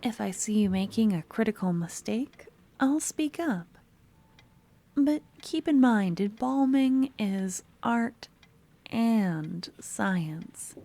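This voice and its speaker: Gentle and instructive, a woman in a mid-range voice addresses the listener as a young student stalker in ASMR audio. Her character is sweet but obsessive, and she comes across soft, coaxing and a touch awkward.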